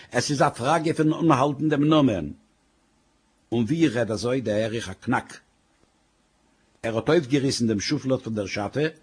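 A man's voice: medium pitch, husky. A man telling a comic story, full of wry "sag ich" asides.

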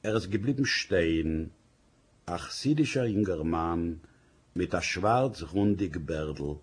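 A man reading a story aloud in an expressive storytelling manner. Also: low voice, slow, husky.

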